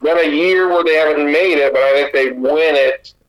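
A man's voice: on the high side, moderate pace, low-quality recording. A man co-hosting a sports podcast, giving opinionated takes in long runs of casual chat. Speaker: podcast co-host.

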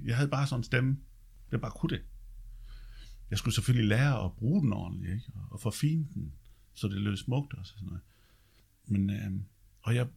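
A man with a deep bass voice telling his life story in a casual, chatty way. He tags his sentences with quick check-ins and swears now and then. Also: vocal fry, darkish tone, husky.

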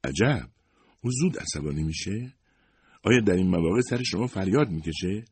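A man's voice: deep voice, animated, a little mellow, husky, voice pushed up, exaggerated voice. A man voicing a curious, earnest young woman who asks polite, probing questions.

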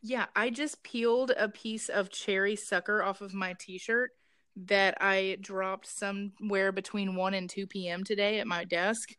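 A woman's voice: medium pitch, steady tone, unhurried, fairly bright tone, clear, resonant tone, dry recording, studio quality. A young woman co-hosting a casual podcast, cracking crude jokes and telling rambling stories. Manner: crude, joking, storytelling. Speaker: podcast co-host.

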